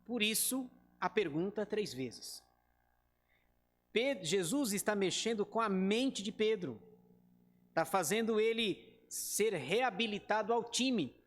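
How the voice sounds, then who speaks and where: With a big-room sound, a male pastor with a Brazilian Portuguese accent teaches a Bible study slowly but in an animated way, his voice high-pitched and fairly bright. Keeping it conversational, he talks directly to the group and acts out quoted speech.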